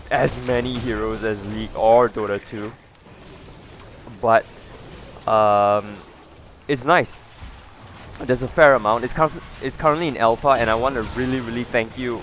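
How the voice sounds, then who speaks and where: A man's voice: mid-range voice, a bit bright, slight background noise. A man hosting a casual gaming video, chatting loosely with lots of fillers and restarts. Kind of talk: casual gameplay commentary.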